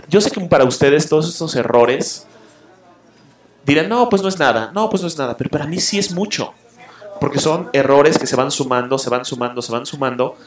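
In a medium-pitched, reverberant voice, a man hosting a show about films and comics delivers a blunt, opinionated film review in a casual, radio-style manner, full of fillers and restarts.

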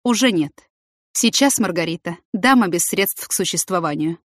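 A woman's voice: fairly low pitch, animated, no echo, clean studio sound. Woman voicing a firm male ward chief. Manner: firm, brisk doctorly. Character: middle-aged male head of a maternity ward.

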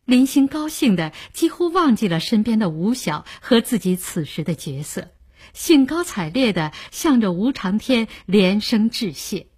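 Breathy female audiobook narrator. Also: medium pitch, sing-song, measured pace, a little mellow. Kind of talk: scripted narration.

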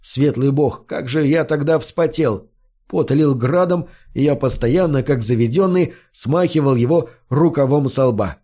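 A man's voice: medium pitch, unhurried, warm tone. A man reading a first-person fantasy story aloud, narrating expressively. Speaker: audiobook narrator.

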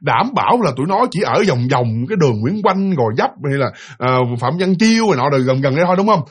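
A man with a Southern Vietnamese accent, casually retelling a ghost story in an animated way, full of fillers and repeated words. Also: fairly high pitch, fast, breathy edge.

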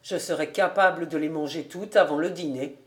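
A woman's voice: low-pitched, a little fast, lightly acted. A woman voicing a cheerful, eager man who exclaims heartily in an audiobook. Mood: hearty.

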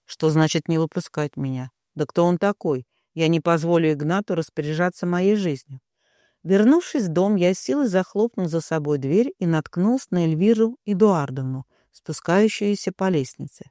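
An audiobook narrator reading a first-person story in a brisk, expressive way. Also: medium pitch, no room sound, studio quality.

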